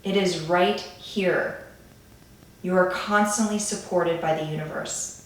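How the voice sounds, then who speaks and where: A woman leading a calm grounding meditation in a gentle, soothing way, with pauses between phrases. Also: on the low side. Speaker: meditation guide. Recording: echoey room, distant from the mic.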